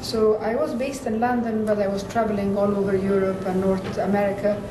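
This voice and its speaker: A woman gives an interview and picks her words slowly, with many pauses and fillers. She sounds distant from the mic, and her voice rings in an echoey room with clear noise behind it. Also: medium pitch, little pitch movement. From Afghanistan. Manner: hesitant, many fillers, thoughtful. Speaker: interview guest.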